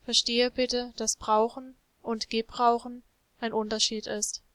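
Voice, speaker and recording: A woman's voice: on the high side, little pitch movement, unhurried, fairly bright tone, no room sound. A woman voicing a patient, loving male potter who explains things tenderly to his clay jug in a storybook.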